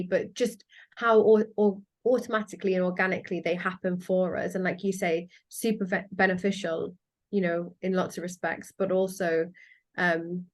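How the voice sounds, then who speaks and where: Thoughtful low-pitched female psychologist. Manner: thoughtful, explanatory, with fillers. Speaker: psychologist guest. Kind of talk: casual conversation.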